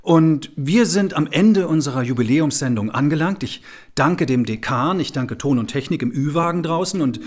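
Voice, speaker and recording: An actor playing a radio host who moderates politely and briskly toward the news. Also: male voice, on the high side, lively intonation. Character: radio show host wrapping up an anniversary broadcast. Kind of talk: radio play acting.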